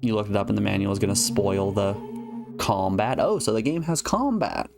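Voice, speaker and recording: A man with a low, gravelly voice plays through a game live. He chats with viewers between lines of on-screen dialogue that he reads aloud. Game music plays clearly behind him. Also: a little fast. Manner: chatty, reads game text aloud and talks to chat. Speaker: streamer.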